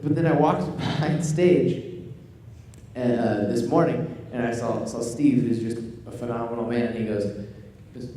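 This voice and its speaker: A man's voice: mid-range voice, warm tone, slight background noise. A young man, preaching a casual sermon from a church stage and telling self-deprecating jokes. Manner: joking, self-deprecating storytelling. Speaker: pastor. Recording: echoey hall, voice from far off.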